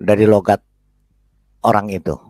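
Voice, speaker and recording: A man hosting and talking casually about a debate clip, with relaxed fillers and repetition. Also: on the low side, moderate pace, dry recording, clean studio sound. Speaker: host commenting on a debate clip. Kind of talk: casual commentary.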